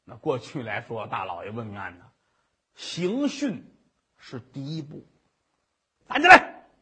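Husky, animated male storyteller. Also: medium pitch, measured pace. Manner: vivid, dramatic narration with asides. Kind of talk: traditional Chinese storytelling performance.

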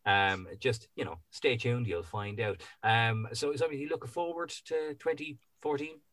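A man's voice: medium pitch, normal speed, fairly bright tone, no echo. A man hosting a podcast, chatting casually in a rambling way with plenty of ums. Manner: easygoing, rambling with many ums. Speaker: podcast host. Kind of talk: casual podcast chat and sign-off.

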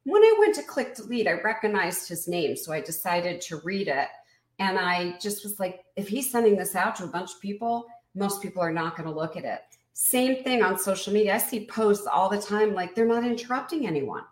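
A woman business coach being interviewed, explaining her method in an energetic, emphatic teaching tone. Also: mid-range voice, a little fast, reverberant.

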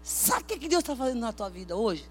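Emphatic woman preacher, loud then hushed. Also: fairly high pitch, very animated, fast, a little hiss or hum. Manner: emphatic, swings between loud outbursts and hushed talk. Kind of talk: Pentecostal sermon. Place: church service.

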